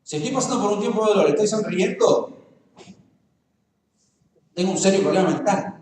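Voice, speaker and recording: A sermon comes from a man with a Rioplatense Spanish accent whose voice is high for a man and a little mellow, moving at a moderate pace. Captured from afar in a very reverberant church hall, he talks to the congregation directly, conversational and humorous.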